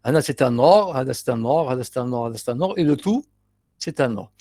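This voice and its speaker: A man's voice: medium pitch, expressive, fast, dark tone, dry recording. A middle-aged man with an Algerian accent, teaching a university class in a lecture, going through exercises step by step and repeating his terms. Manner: explains step by step, repeats terms, mixes in short asides.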